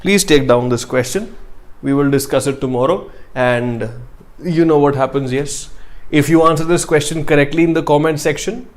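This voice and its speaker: A man's voice: a little high, moderate pace. A man with a North Indian accent teaching a casual live online class, speaking English sprinkled with Hindi phrases and addressing students directly. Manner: addresses students directly with short check-ins. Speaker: online exam-prep chemistry teacher.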